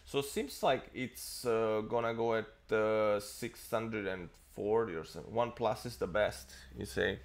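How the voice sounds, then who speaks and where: Speaking at a normal speed with a steady tone and hardly any pauses, this man has a voice on the low side. He's an Italian in his thirties chatting loosely on a tech livestream, full of fillers, from a bookshelf-lined home study through an earphone headset mic on webcam.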